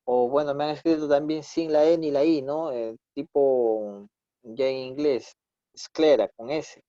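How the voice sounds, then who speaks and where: A man's voice: medium pitch, steady tone, a little slow, warm tone, no echo. A male instructor with a Peruvian Spanish accent runs an online class, correcting his students' work with patience. His voice comes through a dull, dry computer microphone. He keeps checking in with the students as he talks. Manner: corrective, patient, repeats "¿no?" often. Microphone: computer mic on a video call. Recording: dull dry video-call audio.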